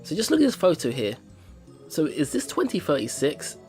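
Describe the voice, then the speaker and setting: Game music runs underneath as this let's play host reads a visual novel's narration and breaks in with informal exclamations. His fairly high voice swoops wildly in pitch, and he keeps a moderate pace with a darkish tone.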